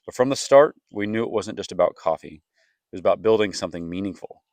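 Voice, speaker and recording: A man's voice: deep voice, brisk, darkish tone, no room sound, clean studio sound. A young man reading a scripted vlog voice-over as an earnest storyteller. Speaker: family vlogger, co-host.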